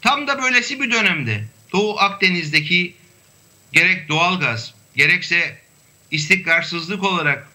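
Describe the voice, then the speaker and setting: A man with a high voice and a very bright, sharp tone explains his points as a guest on a panel discussion. He talks in a measured way, pausing often on fillers. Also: expressive. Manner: measured, hesitant with frequent fillers. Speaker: academic guest.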